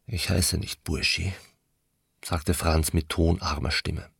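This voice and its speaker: A man reading a novel aloud in calm, measured narration, close on a studio mic. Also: low-pitched, gravelly, breathy edge, no room sound. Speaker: audiobook reader. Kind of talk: scripted narration.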